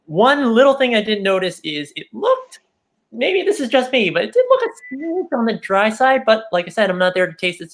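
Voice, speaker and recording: A man's voice: medium pitch, fairly bright tone. Chatty man judging over a video call. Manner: chatty, rambling, lots of fillers. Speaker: cooking judge. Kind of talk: casual feedback on a video call.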